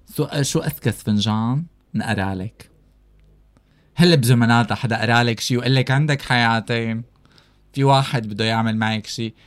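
Fast-talking Levantine Arabic man, playful host. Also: mid-range voice, no echo. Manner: playful, teasing, often swearing oaths. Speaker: show host. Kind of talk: casual chat.

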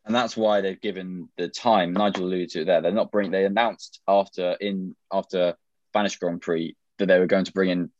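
A man with a very low voice talks in a loose, opinionated way, often pausing on "um". His audio is dry and dull, with no room sound at all. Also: steady tone, a little mellow, no room sound. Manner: opinionated, wry, um-heavy. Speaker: podcast co-host. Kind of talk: casual chat.

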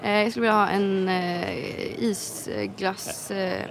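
A woman's voice: mid-range voice, fairly even intonation, creaky, crowd noise. A woman playing a hesitant, giggly customer in an improvised comedy sketch. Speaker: podcast co-host.

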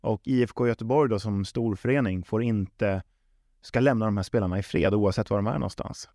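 Answering an interviewer's questions, a man who serves as a football club's sporting executive reasons things through conversationally, repeating and rephrasing words as he goes. He speaks in a low, mellow voice, in a dry, studio-quality recording.

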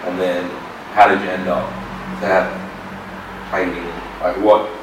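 A young Australian man hosting a podcast, chatty, swearing freely and firing off quick agreements. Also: low voice, little pitch movement, background noise. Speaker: podcast host. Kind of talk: casual chat. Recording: echoey room, distant mic.

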